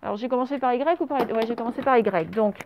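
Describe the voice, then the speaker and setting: Her pitch fairly high and her pace fast, a woman primary teacher dictates spelling through a face mask, drawing out syllables and spelling each letter aloud. Open doors let in traffic noise, and the recording has a narrow, phone-like sound.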